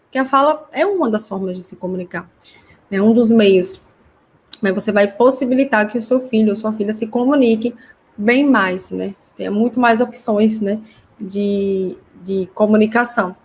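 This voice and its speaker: A woman's voice: mid-range voice, moderate pace, a little hiss or hum. A woman hosting a live online class for parents, chatty and explanatory as she answers viewer comments. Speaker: host teaching parents.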